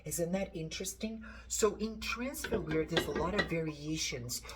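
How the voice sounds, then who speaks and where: A woman's voice: sits low, moderate pace, very noisy. A woman from Portugal with a Portuguese accent, chatting enthusiastically and rambling a little as she shows pieces from her shop. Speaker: antiques seller. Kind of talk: casual show-and-tell.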